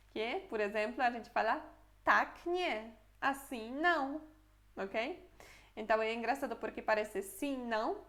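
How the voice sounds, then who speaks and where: A woman's voice: a little high, fairly bright tone. A young adult woman teaching a casual online language lesson, explaining step by step and checking in with the viewer often.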